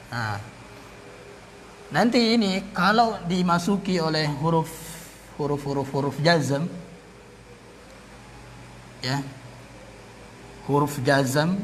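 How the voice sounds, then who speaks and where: Slow, deliberate male grammar teacher. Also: on the high side, a bit bright, a little hiss or hum. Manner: repeats terms, pauses, corrects himself. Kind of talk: classroom grammar lesson.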